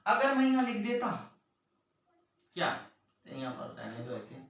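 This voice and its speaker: A man teaches a maths lesson and explains each step to the children, calling on them again and again. His voice sits high and swings widely in pitch. It comes from some way off the mic, in a room with a strong echo. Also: very animated, a little slow, a bit bright, distant mic, lo-fi sound, a little hiss or hum.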